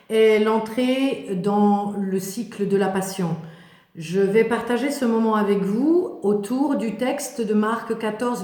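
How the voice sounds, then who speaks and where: A woman giving a dramatic biblical narration in a solemn, measured, declamatory way with deliberate pauses. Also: fairly high pitch, a little mellow. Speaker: church minister or narrator addressing parishioners. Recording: echoey, reverberant room.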